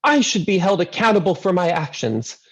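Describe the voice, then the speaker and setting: A woman's voice: lowish voice, big pitch swings, moderate pace, breathy edge, dull audio, voice pushed up. A man voicing a fiery elderly grandmother with a thick Greek accent, pleading her case with emphatic conviction. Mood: impassioned.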